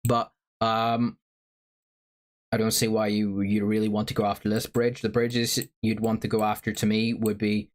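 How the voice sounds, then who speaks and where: A man with a sore throat, livestreaming casual commentary and reading out viewer chat in a rambling, filler-heavy way. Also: fairly low pitch. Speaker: stream host.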